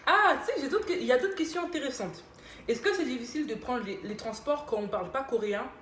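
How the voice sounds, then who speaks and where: A woman's voice: fairly high pitch, fast talker. Casual YouTuber, young woman, playful and chatty, roomy echo, faint hum behind. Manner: chatty, playful, self-mocking. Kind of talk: casual Q&A vlog. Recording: echoey room with faint ambience.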